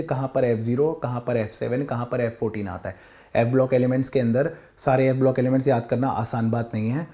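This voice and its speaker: A man teaching chemistry to students in a classroom, talking to them directly in a lively lecture. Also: mid-range voice. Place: classroom with board.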